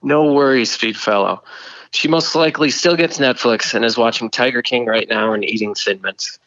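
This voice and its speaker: A man's voice: medium pitch, moderate pace, a bit bright, no room sound, muffled recording. A man playing a flustered mission controller over the radio. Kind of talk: comedy skit acting.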